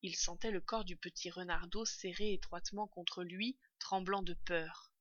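A woman narrating a children's audiobook in a calm, even storytelling manner. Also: fairly low pitch, normal speed, no echo. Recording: dull lo-fi recording.

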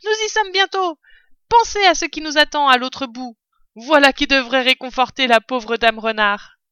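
A woman's voice: fairly high pitch, lively intonation, unhurried, pushed and bright, clear, resonant tone, no room sound, highs cut off, pitched above the performer's own voice. A woman voicing a bold, clever male fox who leads his family, in a cheery, rousing storybook manner. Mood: eager.

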